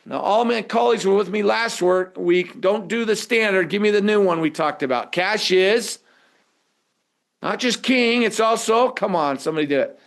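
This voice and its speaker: Speaking at a normal speed in a high voice, this webinar instructor runs a live session conversationally, nudging listeners along with rhetorical questions.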